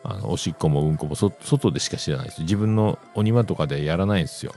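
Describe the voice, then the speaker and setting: A man's voice: sits low, fast, warm tone, soft background music. A middle-aged man, hosting a casual solo radio-style show in a rambling, chatty way with self-amused asides. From Yamaguchi, Japan. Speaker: podcast host.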